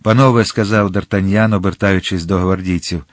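A man reads an audiobook in a steady, expressive way. His voice sits low. The recording is dry and close to the mic. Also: moderate pace, no echo. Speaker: narrator. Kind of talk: audiobook narration.

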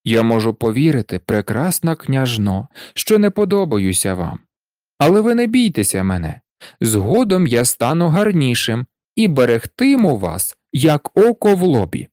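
A narrator doing a gentle, reassuring ugly suitor. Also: medium pitch, very animated, normal speed, dry recording, studio quality, lightly acted. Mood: gentle reassurance. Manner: kind, reassuring. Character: ugly but gentle suitor, young man. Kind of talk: storybook reading.

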